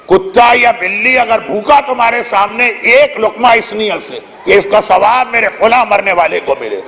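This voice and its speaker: A man's voice: high-pitched, vocal fry, fairly bright tone. A male preacher delivering a religious sermon, telling a moral story in an exhortative manner at a gathering. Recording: echoey hall reverb.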